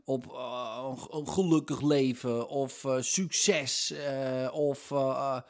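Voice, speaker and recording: A man hosting a solo podcast, talking reflectively and candidly, pausing often with fillers as he searches for words. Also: medium pitch, fairly even intonation. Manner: candid and self-mocking. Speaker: podcast host.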